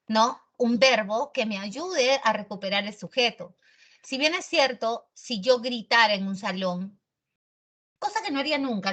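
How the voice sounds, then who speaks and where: Lively woman teaching class. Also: on the high side. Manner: lively, teasing, slangy. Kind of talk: online class lesson.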